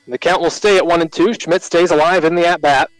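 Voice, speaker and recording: A man with an American accent calling live baseball play-by-play on the radio in short, measured announcer phrases. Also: fairly high pitch, fairly even intonation, no room sound, poor audio.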